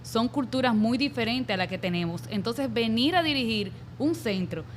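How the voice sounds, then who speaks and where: A woman's voice: a little high, animated, normal speed, slight background noise. Woman interviewer asking questions.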